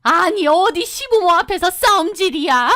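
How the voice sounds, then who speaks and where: A woman voicing a domineering middle-aged mother-in-law who scolds in a shrill voice. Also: expressive, moderate pace, bright, forceful tone, no room sound, clean studio sound, full character voice. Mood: scolding.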